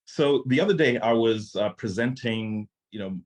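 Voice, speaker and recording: A man's voice: mid-range voice, expressive, moderate pace. A man from Zimbabwe, a startup founder and CEO, giving an earnest, conversational conference presentation over a video call.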